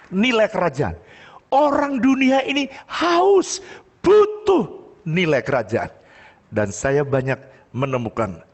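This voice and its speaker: Animated preacher in a reverberant church hall. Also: male voice, mid-range voice, husky. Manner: animated, acts out quoted voices, addresses congregation as brothers and sisters. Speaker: pastor. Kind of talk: sermon with storytelling.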